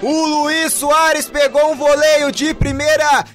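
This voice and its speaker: A high-pitched Brazilian man works as a live football play-by-play commentator. He delivers explosive goal commentary, shouting his calls. Key words are stretched out at full intensity. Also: level tone, slow, faint music behind. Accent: Brazilian Portuguese.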